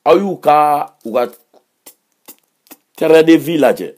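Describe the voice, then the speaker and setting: A man's voice: a little high, expressive, takes it slowly, darkish tone. A man with a Malian accent giving heated political commentary, combative and mocking, repeating phrases for emphasis.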